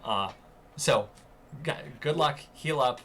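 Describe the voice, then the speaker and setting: Bright-voiced, sarcastic man. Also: medium pitch, lively intonation, slight background noise. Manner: sarcastic, profane, quick jokes. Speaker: podcast co-host. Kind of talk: casual chat.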